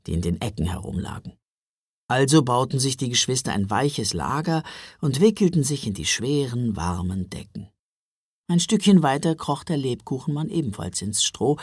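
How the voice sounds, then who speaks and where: Male audiobook narrator for kids, lively delivery, gravelly edge, dry studio sound. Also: medium pitch, no room sound. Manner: expressive, lively storytelling. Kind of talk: scripted narration for children.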